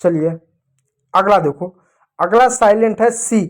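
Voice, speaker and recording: A male teacher giving an English lesson to children, slowly spelling out words letter by letter and repeating them. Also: high voice. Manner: slow, repetitive spelling-out of words.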